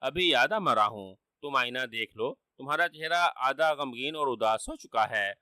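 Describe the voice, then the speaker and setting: A man's voice: medium pitch, expressive, pushed and bright, dry recording, clean studio sound. A man voicing a wily trickster who fakes dying, whining and sly.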